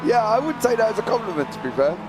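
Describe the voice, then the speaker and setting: Over a loud crowd, a British man's high, very animated voice leads the live motor racing commentary. He banters easily with his co-host, teasing him, and runs through the grid positions briskly.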